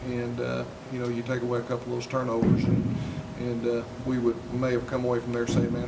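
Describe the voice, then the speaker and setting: An older man, a head football coach, answering postgame questions in a steady, plainspoken way with many fillers. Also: medium pitch. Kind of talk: postgame interview. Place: indoor interview backdrop. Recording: distant mic with loud noise.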